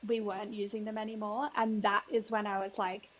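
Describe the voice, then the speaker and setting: With a mid-range voice and flat delivery, a podcast co-host in her twenties talks a little fast, chatting casually, candidly and frankly. She often jumps in with eager agreement, and the audio is poor.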